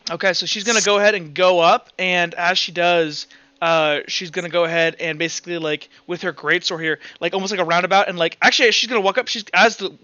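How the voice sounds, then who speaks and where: A man with a high, bright, forceful voice talks fast with fairly even intonation, and there's no echo. He's the game master of a tabletop roleplaying game, narrating loosely, reasoning aloud and swearing freely, with background music and a dull, lo-fi sound.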